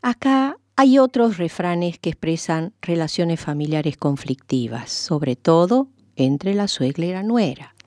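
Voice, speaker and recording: A woman reciting proverbs, riddles and rhymes in a slow, deliberate manner, her pitch rising and falling with feeling. Her voice sits fairly high and sounds close and dry. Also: expressive, dark tone, no echo. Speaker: presenter of folk sayings.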